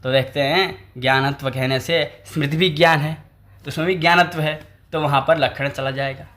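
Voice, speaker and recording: A man's voice: on the high side, steady tone, moderate pace, fairly bright tone. A man, teaching a text through a lecture. He asks questions, answers them himself and repeats the key terms. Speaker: Sanskrit teacher. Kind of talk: explanatory lecture.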